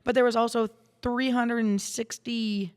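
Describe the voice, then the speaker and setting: A woman's voice: fairly high pitch, level tone, unhurried, clean tone, in a large hall. A woman guest in a podcast studio telling stories in casual chat, rambling with many restarts and fillers. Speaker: guest, salon owner and darts player.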